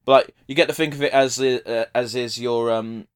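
A man's voice: medium pitch, fairly even intonation, moderate pace, smooth. A man giving casual, blunt, sweary commentary as a podcast co-host. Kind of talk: casual watch-along commentary.

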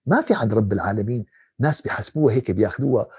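A man with a Levantine Arabic accent, a sheikh giving an animated Quran commentary sermon, who keeps asking his listeners questions and recites verses slowly. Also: on the low side, breathy edge. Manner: animated, rhetorical questions to the audience.

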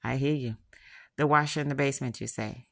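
Woman voicing a low gravelly repairman. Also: steady tone, brisk, a bit bright, full character voice. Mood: smooth, flirty. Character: confident male appliance repairman, smooth talker.

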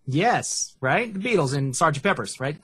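A man co-hosting a casual music review show, talking in an animated, joking way into a headset mic. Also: on the high side, moderate pace, slightly rough. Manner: animated, joking, breaks into song snippets and shouts. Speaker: podcast co-host reviewing music. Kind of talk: casual chat.

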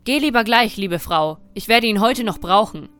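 A woman's voice: medium pitch, expressive, moderate pace, fairly bright tone, clear, resonant tone, lightly acted. A woman voicing a stern, murderous nobleman who gives cold, threatening commands in a fairy tale reading. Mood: angry. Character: stern, menacing nobleman Bluebeard, murderous husband.

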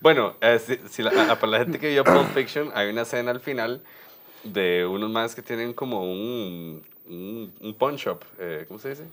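A man's voice: mid-range voice, a bit bright, a little hiss or hum. Costa Rican man telling anecdotes casually. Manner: slangy, halting, acts out dialogue.

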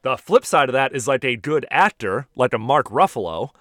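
A man in his thirties hosting a podcast, an animated storyteller who swears casually. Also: medium pitch, normal speed, no echo, clean studio sound. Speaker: podcast host and stand-up comic. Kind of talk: casual chat.

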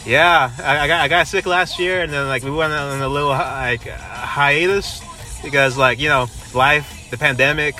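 Rambling young man, bright chatty voice. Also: fairly high pitch, fairly even intonation, normal speed, soft background music. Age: 20s. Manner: rambling, many fillers and restarts. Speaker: podcast co-host. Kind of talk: casual chat.

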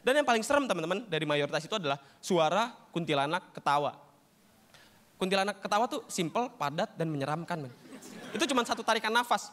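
A young man performs a stand-up set in a very high, bright voice. His delivery is loose, slangy banter that keeps slipping into acted-out scenes. He laughs along between the jokes. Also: expressive, quick pace. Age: young adult. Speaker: stand-up comedian.

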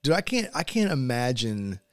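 A man co-hosting a podcast in casual chat, reacting and asking quick questions. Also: medium pitch, big pitch swings, no echo, clean studio sound. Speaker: podcast co-host.

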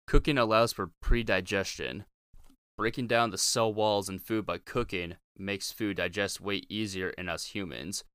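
Low, clear-voiced male podcast host. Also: fairly bright tone, no room sound, studio quality. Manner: informal, blunt, sweary. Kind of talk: casual opinionated podcast monologue. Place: small closet in a home bedroom.

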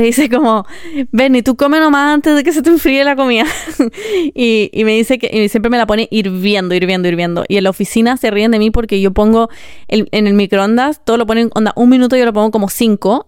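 A young woman with a Chilean Spanish accent, ranting casually in a vlog, swearing freely and talking in quick bursts broken by pauses. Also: medium pitch, steady tone, a little mellow, smooth, no echo, clean studio sound. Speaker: vlogger.

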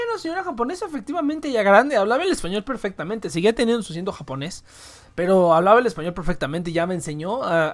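Slangy, cursing Mexican woman streamer. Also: mid-range voice. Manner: rambling, slangy and profane, talking to chat viewers. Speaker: live streamer. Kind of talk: casual chat.

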